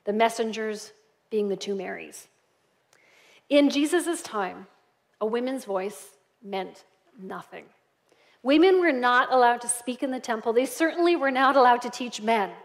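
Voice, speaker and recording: A middle-aged woman from Canada preaching an Easter sermon, telling stories and moving between soft, quiet passages and animated moments. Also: fairly high pitch, measured pace. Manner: storytelling, dynamic, shifts between soft and animated. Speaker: pastor.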